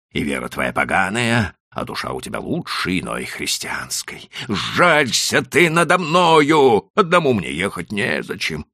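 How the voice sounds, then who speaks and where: A man voicing a desperate, hot-tempered male landowner who pleads and exclaims loudly in an audiobook. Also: fairly low pitch, husky, no echo, clean studio sound, full character voice. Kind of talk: audiobook character voice.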